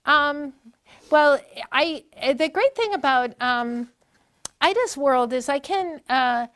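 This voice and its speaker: This fifty-something performer from Maine, a guest at a library talk, chats her way through family stories in an interview, often restarting and using fillers. Her voice sits high with lively intonation and a fairly bright tone, and she talks slowly. The recording is dry, with clean studio sound.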